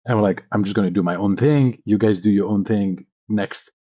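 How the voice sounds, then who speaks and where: This man, a thirtysomething Parisian venture capitalist, speaks briskly in a dark, lowish voice while telling personal stories as a podcast guest. He's informal and enthusiastic. There's no echo, and the highs are cut off.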